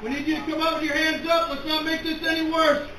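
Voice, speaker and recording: A police officer calling out loud, raised commands through a megaphone during a standoff. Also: male voice, very high voice, monotone, fast talker. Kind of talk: police negotiation callout. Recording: echoey, distant, very noisy field audio.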